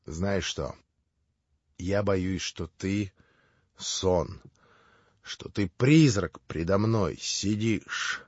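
A man's voice: mid-range voice, big pitch swings, unhurried, breathy edge, no echo, highs cut off, pitched above the performer's own voice. Ivan, a man acting a frantic, tormented nobleman. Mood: fearful. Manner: shouting, frantic. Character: tormented, agitated young nobleman, quick to rage.

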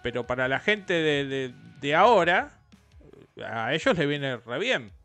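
A man's voice: a little high, very animated, unhurried, fairly bright tone, soft background music. A man in his forties with an Argentine accent, hosting a casual radio interview in a chatty, rambling, opinionated way. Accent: Argentine Rioplatense. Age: 40s. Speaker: radio host.

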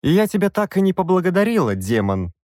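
A headstrong young princess, as a male narrator puts her on, her commanding voice lifted high and swinging freely. She barks demands and cuts others off in a dry, close studio sound. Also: sing-song, normal speed, dry recording. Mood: coolly formal. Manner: demanding, sharp retorts.

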